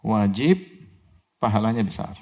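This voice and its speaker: A man preaching a sermon. He recites Arabic verses, explains them, and asks his listeners questions that he answers himself. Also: measured pace. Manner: animated, with sudden rises in pitch and loudness on key words.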